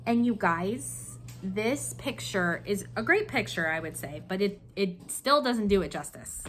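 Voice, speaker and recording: A woman with a sniffly, stuffed-up voice chats casually as a co-host. She talks in an ordinary middle pitch. She rambles and often restarts her sentences. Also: animated, a little slow, fairly bright tone, slight background noise. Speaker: co-host showing cross-stitch projects. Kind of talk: casual chat.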